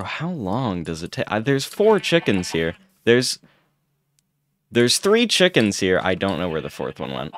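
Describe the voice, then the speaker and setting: A young man chatting casually while playing a game, laid-back and rambling, a bit short on sleep. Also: low-pitched. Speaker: gaming YouTuber. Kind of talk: casual gameplay commentary.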